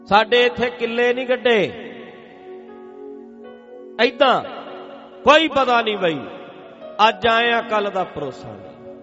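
A man's voice: extremely high pitch, expressive, slow pace, pauses often, bright, forceful tone, long reverb tail, muffled recording, faint music behind. A man preaching a sermon, driving points home by repeating them and breaking into chanted scripture verses. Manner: emphatic, repetitive, breaks into chant. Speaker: Sikh preacher. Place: gurdwara stage in a hall.

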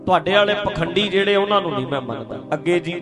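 Man w preaching, tells stories, goes loud then soft, music playing under. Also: sits high, animated, fast talker. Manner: storytelling, swings between loud and soft. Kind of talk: sermon with storytelling. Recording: music behind the voice.

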